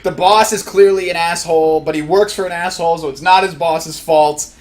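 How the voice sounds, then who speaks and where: A man's voice: fairly high pitch, fairly even intonation, a little fast. A man in a casual chat, retelling movie scenes with disbelief and frequent laughs. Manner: incredulous, laughs while retelling. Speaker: movie review show co-host.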